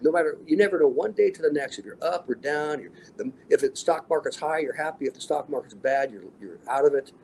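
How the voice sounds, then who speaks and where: A man's voice: a little high, brisk, creaky, few pauses, a little mellow, a little hiss or hum, poor audio. A man in his sixties, an extreme athlete and interview guest, telling motivational stories in short, punchy, emphatic statements. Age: 60s. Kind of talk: motivational storytelling.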